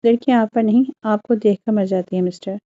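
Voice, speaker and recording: A woman's voice: mid-range voice, steady tone, brisk, dark tone, dull audio, close to an everyday voice. A woman voicing a feisty young newlywed wife who answers back in playful bickering. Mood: sassy.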